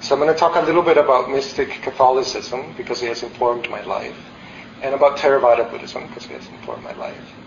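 Speaking fast in a medium-pitched voice, a Salvadoran meditation teacher in his forties gives a candid, reflective dharma talk riddled with fillers and restarts. It was recorded in a roomy meditation hall that sounds slightly dull, with slight background noise.

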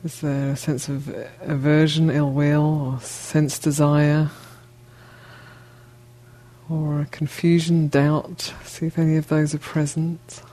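A woman with a low-pitched voice and flat delivery guides listeners through a meditation. Her speech is gentle and unhurried, coming in short phrases with long gaps in between.

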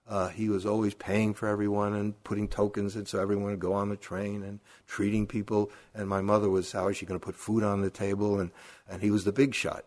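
An older male meditation teacher giving a dharma talk on retreat, speaking in a low, slightly husky voice. He tells stories in a conversational way and keeps turning to his listeners with rhetorical questions.

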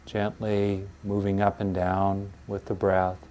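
Soothing, low-voiced man guiding meditation. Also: monotone. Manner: soothing, gentle, unhurried, like a yoga teacher, with pauses. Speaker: meditation teacher leading a guided sitting. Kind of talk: guided meditation instruction.

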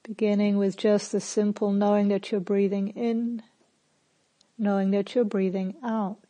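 Long pauses fall between the instructions as a woman with a mid-range voice teaches guided meditation, her manner calm and gentle and her phrasing spacious.

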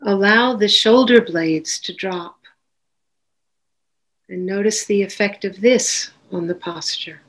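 Speaking at medium pitch, a woman guides a meditation as its teacher. Her instructions come gently and slowly, separated by long pauses.

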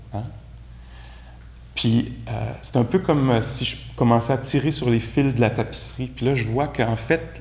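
Québécois man teaching in an echoey room. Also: medium pitch. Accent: Québécois French. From Quebec. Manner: relaxed, conversational, with gentle self-mocking humor. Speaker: meditation teacher. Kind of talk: Buddhist dharma talk to a group. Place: room with a live group.

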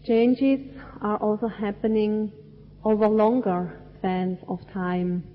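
A woman from Switzerland gives a dharma talk at a very unhurried pace, weighing each short phrase. Her voice trails off into the long reverb of a large cinema hall. The recording sounds dull and lo-fi. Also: medium pitch, fairly even intonation. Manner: slow, measured, deliberate phrasing. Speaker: Buddhist teacher.

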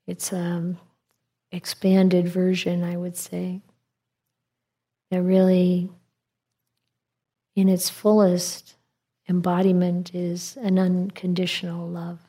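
A woman teaching meditation in a calm, meditative tone. Her voice is soft, a little husky and mellow, and she speaks very slowly, leaving long pauses between short phrases. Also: on the low side. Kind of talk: guided meditation instruction.

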